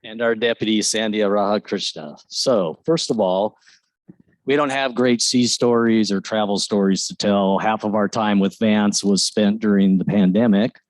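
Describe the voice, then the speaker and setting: A man's voice: lowish voice, normal speed, no room sound, poor audio. A man speaking for his office at a retirement ceremony, joking dryly before reading prepared thanks. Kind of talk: informal ceremonial speech with jokes.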